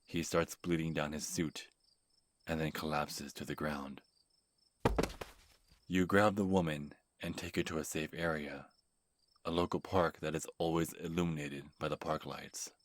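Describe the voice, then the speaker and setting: A man telling a scripted second-person horror story in a calm, measured way. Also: a bass voice. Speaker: narrator and channel host.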